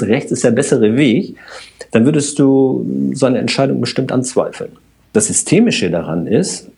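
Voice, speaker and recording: A man, a systemic coach and podcast guest, explaining his work calmly with everyday examples. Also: mid-range voice, vocal fry, husky. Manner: explains with everyday examples, addresses host directly. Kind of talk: calm explanatory conversation.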